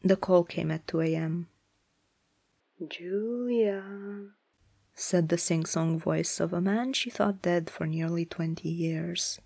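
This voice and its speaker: Gravelly, husky storyteller reading prose. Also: mid-range voice, steady tone, a little slow, few pauses, a little mellow, dry recording. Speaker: narrator. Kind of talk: scripted story narration.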